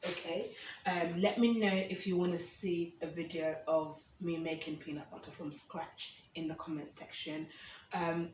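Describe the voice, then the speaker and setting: On the low side, this woman's voice carries a little hiss or hum in the recording. She's a cooking vlogger from Uganda, casually talking while preparing food in her home kitchen and frequently asking "okay?". A distant camera mic gives the sound a roomy feel with faint ambience.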